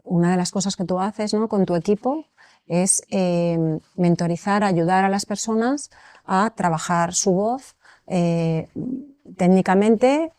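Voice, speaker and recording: A woman's voice: medium pitch, a little slow, a little mellow, no echo, clean studio sound. A woman hosting an interview, asking long questions with frequent hesitations. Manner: hesitant, many fillers, builds long questions. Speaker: interview host.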